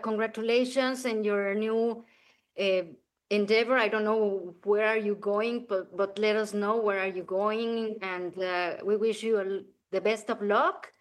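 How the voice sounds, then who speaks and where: A woman journalist asks questions at a press briefing. She hesitates and searches for her words. Her voice sits at a medium pitch.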